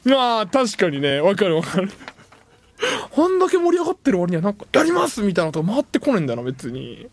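A man hosting a late-night radio show, reading listener messages in playful, self-mocking banter and jumping suddenly into higher tones. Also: wildly swooping pitch, fast talker. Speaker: radio host. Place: radio studio. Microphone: studio microphone.

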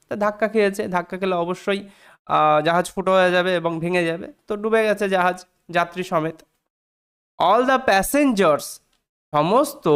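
A man takes an English passage apart phrase by phrase, patient and methodical. His voice sits high, with a smooth, clear tone. He keeps checking that his students follow, and spells tricky words out letter by letter. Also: fairly bright tone. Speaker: English teacher. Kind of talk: explaining English sentences line by line.

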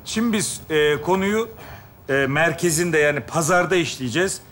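A man presenting the next comedy sketch on stage in a measured way, with small hesitations. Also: a little high, a bit bright, slight background noise. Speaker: show presenter introducing a sketch. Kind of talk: stage introduction.

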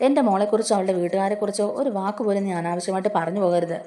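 A woman's voice: medium pitch, fairly even intonation, racing, warm tone, natural voice. A woman voicing a stern scolding mother. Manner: scolding, commanding. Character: stern middle-aged mother defending daughter-in-law.

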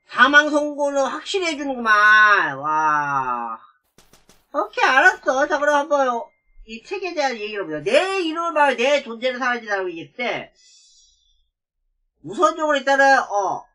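A woman playing a video game and commenting as she goes, talking to viewers and exclaiming loudly when startled. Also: high voice. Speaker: game streamer. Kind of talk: let's play commentary.

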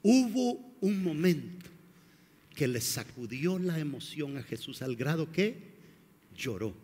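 A man preaching with a high, husky voice, his sermon rising and falling dramatically as he throws rhetorical questions at the congregation. His words ring out with a long reverb across a large church hall. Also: very animated, slow pace, darkish tone. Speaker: pastor.

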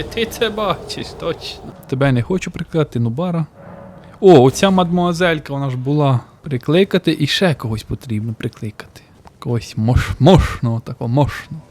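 A man giving playful let's play commentary as a gaming YouTuber, often breaking into excited yelling. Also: a little high.

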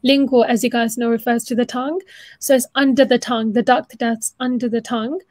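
A young adult woman, a student presenting an online dental anatomy session, teaches informally over a video call from a small room at home. She is chatty and encouraging, often rephrasing her explanations, and her high-side voice is steady and fairly quick with no echo.

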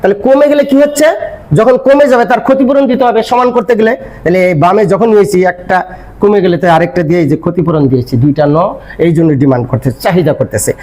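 A man's voice: high-pitched, brisk, darkish tone. An older man explaining grammar step by step, asking questions and then answering them himself. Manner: explanatory, asks and answers his own questions. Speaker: grammar teacher. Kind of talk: classroom-style grammar lesson.

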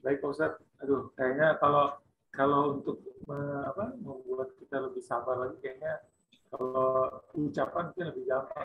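Polite male moderator on a dull line. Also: medium pitch. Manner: polite, deferential. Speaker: webinar moderator. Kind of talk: reading audience questions. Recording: dull lo-fi call audio with faint noise.

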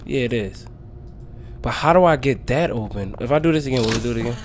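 A man's voice: mid-range voice, lively intonation, fast. A young man, a scared horror game streamer, giving casual, slangy, profane commentary as he plays. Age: young adult. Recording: clear game ambience noise behind.

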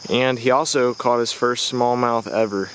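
A teenage boy vlogging a fishing trip by a creek, chatty and excited, filmed on an action camera outdoors. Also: mid-range voice, moderate pace, slight background noise. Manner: excited, chatty, says dude a lot. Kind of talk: casual outdoor vlog narration.

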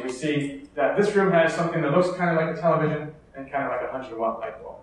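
In an echoey lecture hall, a keynote speaker with an American accent and a fairly bright voice on the high side explains his material steadily, now and then using a filler or restarting a phrase. The mic is positioned far from him.

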